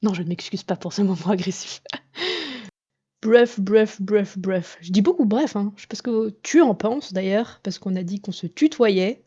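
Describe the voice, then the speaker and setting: Rambling, chatty woman vlogger, mellow tone. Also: mid-range voice, normal speed, husky, dull audio. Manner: rambling, chatty, lots of fillers and self-corrections; jokey, self-deprecating. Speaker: YouTuber and comic artist. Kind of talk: casual vlog addressed to the viewer.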